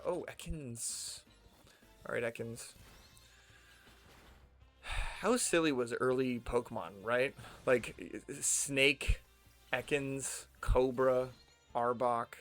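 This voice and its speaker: Taking his time and pausing often, a young General American-accented man from the United States comments casually to himself while playing a video game. His medium-pitched voice is a bit bright, and faint music plays underneath.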